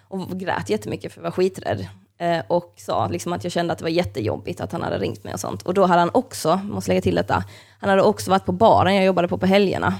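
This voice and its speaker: A woman's voice: fairly low pitch, gravelly. A young woman hosting a podcast, telling personal stories casually, swearing freely and acting out what other people said, with lots of filler words. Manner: animated storyteller, swears freely, acts out other people's lines; heavy use of fillers like "like" and "kind of". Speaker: podcast host.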